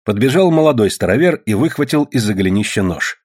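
Male audiobook narrator; husky, animated, dramatic. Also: lowish voice, fast talker. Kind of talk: expressive audiobook reading.

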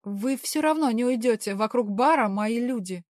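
A woman's voice: a little high, moderate pace, dry recording, clean studio sound, close to an everyday voice. A woman reading an audiobook, voicing a dangerous, cold female gang boss who barks orders and threats. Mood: sneering. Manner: taunting, commanding, shouting threats.

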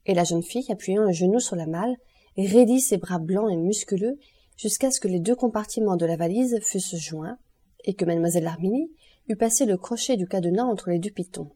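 A woman reading a classic novel aloud as an audiobook, in a measured, even storytelling manner. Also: medium pitch, husky. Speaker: audiobook reader.

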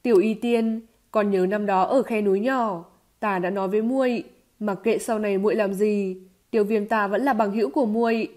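A woman's voice: medium pitch, fairly even intonation, normal speed, a little mellow, lightly acted. A woman reading the part of an earnest young male martial hero in a storybook novel, in a firm, raised voice.

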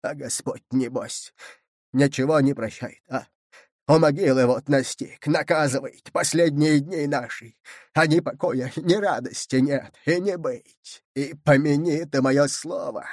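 A man doing a gruff, grumbling old grandfather. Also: fairly high pitch, slow pace, no room sound, clean studio sound. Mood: despairing. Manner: gruff, muttering.

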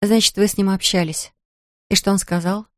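A woman's voice: mid-range voice, fairly even intonation, normal speed, dry recording, studio quality, lightly acted. Woman doing a heartsore, subdued young woman. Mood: hurt, wistful. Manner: subdued, wistful.

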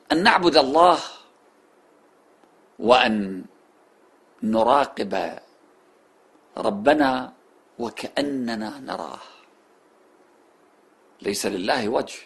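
A man giving a religious talk, telling a moral story in a storytelling manner that rises sharply and then falls to soft, quiet endings. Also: lowish voice, very animated, slow pace, pauses often. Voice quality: husky. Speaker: religious speaker.

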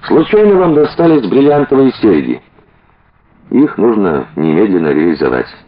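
A man reading the lines of a calm, refined older gentleman who speaks in an ornate, measured way, for an audiobook. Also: lowish voice, dull audio, pitched above the performer's own voice. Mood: persuasive.

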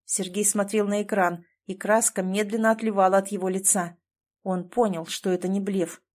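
A woman narrating a story in an even, measured reading. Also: medium pitch. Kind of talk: scripted narration.

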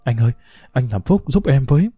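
A frightened young village boy, played by a man, pleads softly for help. The voice is warm and mellow, recorded dry. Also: mid-range voice, animated, brisk, slightly rough, dry recording, soft background music. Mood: pleading.

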